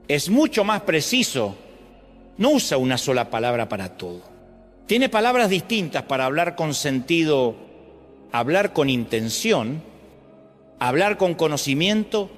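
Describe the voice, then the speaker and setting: Argentine preacher guy, pitch jumps all over, big echoey church hall, faint music underneath. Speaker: pastor. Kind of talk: sermon. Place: large church auditorium.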